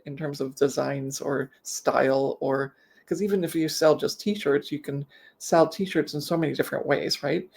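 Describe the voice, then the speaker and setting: A middle-aged woman with a deep, creaky, slightly mellow voice talks casually on a video call from her home office. She's a business coach with a slight lisp from her mouthguard, and she explains things through rambling examples she keeps correcting.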